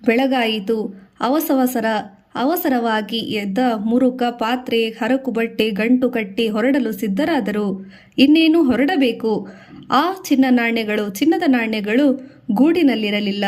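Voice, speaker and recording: A woman narrating a devotional story from a script, lifting her voice for the characters' lines. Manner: expressive, voices characters' lines with a raised pitch.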